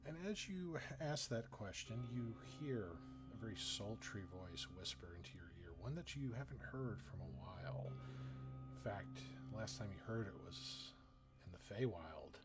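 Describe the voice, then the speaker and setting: A man narrating a tabletop game as game master, relaxed and halting. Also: lowish voice. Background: background music.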